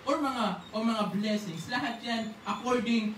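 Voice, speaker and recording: The sermon is delivered in a mid-range, fairly bright voice that runs a little slow. In the manner of conversational preaching, "di ba?" comes up again and again, and prayers get acted out. Recorded from a distance in an echoey church hall, the audio carries a faint hiss.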